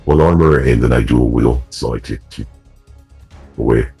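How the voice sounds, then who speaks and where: A deep, gravelly robot fighter, as a player puts on his robot voice. The voice sits extremely low and crackles with heavy fry. It works through the rules flatly and plainly, with soft music under it. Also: moderate pace. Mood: matter-of-fact. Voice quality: gravelly, mechanical. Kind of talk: tabletop game role-play.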